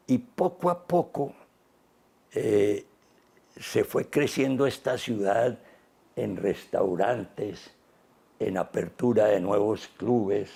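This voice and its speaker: A man, speaking as an interview guest in an unhurried, reflective way, pausing often. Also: lowish voice, gravelly, warm tone, breathy edge. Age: 80s. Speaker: interview guest, business founder.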